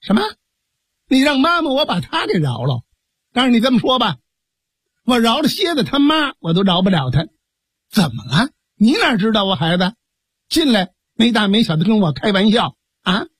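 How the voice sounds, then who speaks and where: A male storyteller voicing a fierce, sharp-tongued older female innkeeper in a traditional tale. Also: high-pitched, very animated, husky, no echo, clean studio sound, full character voice. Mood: indignant. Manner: scolding, quick storyteller's patter.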